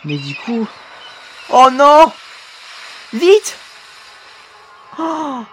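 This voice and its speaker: Young guy reacting to a cartoon, super excitable, voice jumps all over, yells a lot, slangy. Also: very high voice, drawn-out words, slight background noise. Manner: excitable, bursts into shouts and slang. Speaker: YouTuber reacting to an animation.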